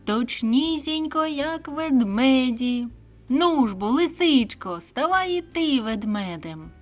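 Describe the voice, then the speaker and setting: A woman voicing a gang of noisy, playful young forest animals, a squirrel among them, who shout excitedly. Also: on the high side, a little slow, soft background music. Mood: boisterous.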